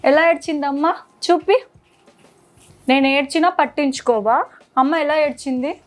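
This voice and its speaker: A woman's voice: high-pitched, moderate pace. A young woman, a mother and vlogger, talking to her toddler at home in playful sing-song baby talk.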